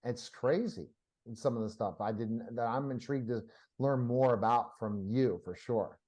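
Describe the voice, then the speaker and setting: A man's voice: medium pitch, moderate pace, a little mellow, rough recording. A male interview host with a mid-range voice. He asks questions and responds to his guest with eager, affirming enthusiasm.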